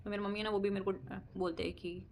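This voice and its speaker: A woman's voice: mid-range voice, level tone, quick pace, a little hiss or hum. A young adult woman vlogger chatting casually to camera about her daily life, laughing often and mixing in English words. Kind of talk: casual personal chat to camera.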